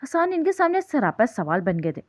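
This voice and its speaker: A woman narrating a novel as an audiobook in a steady storytelling read. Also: a little high, no room sound.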